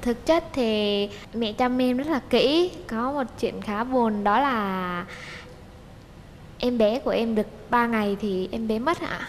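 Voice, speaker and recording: Speaking slowly in a fairly high voice, a young woman guests on a TV talk show as a daughter-in-law. She chats through her stories, connecting each event with "xong" and mimicking those she quotes. A long reverb tail trails her words.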